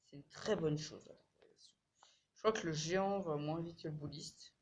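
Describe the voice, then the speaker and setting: A man commentating his own mobile game match in casual French slang, swearing and repeating words when excited. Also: fairly high pitch, normal speed, slight background noise.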